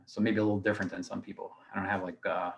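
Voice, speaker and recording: A man's voice: sits low, flat delivery, very fast, vocal fry, dull audio. A man who runs a production company, introducing himself casually and self-deprecatingly on a video-call panel. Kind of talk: panel discussion, personal intro.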